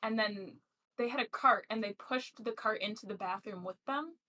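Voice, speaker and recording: A woman's voice: medium pitch, moderate pace, pushed and bright. A young woman co-hosting a podcast, telling a story in casual chat with hesitant ums. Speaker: podcast co-host.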